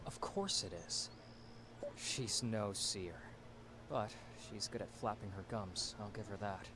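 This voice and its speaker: An actor playing a proud, skeptical young soldier in a video game, curt and dismissive. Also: male voice, on the low side, a little slow, background noise, lightly acted. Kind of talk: dramatic game voice acting.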